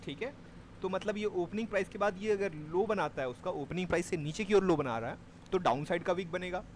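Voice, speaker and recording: A man's voice: high-pitched, quick pace, a little hiss or hum. A man teaching a live class on trading, explaining step by step and checking that his students follow. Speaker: stock market trading teacher.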